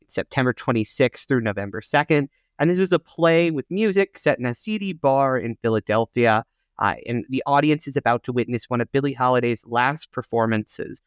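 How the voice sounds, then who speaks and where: An animated, fairly quick mid-range male voice, smooth and dry, recorded at studio quality. He co-hosts a theater podcast, casually and informatively reading out show listings with frequent "uh" fillers.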